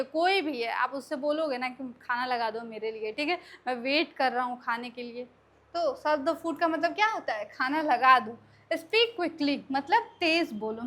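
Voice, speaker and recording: High-voiced woman teaching English. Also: a bit bright. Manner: explanatory, repeats "ठीक है" often. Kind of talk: spoken English lesson in Hindi.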